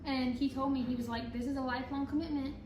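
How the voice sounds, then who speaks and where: Guesting on a talk show, a woman talks quickly in a high voice, her intonation fairly even. Her R's slip into W's as she chats casually. Background noise comes through clearly in the echoey space.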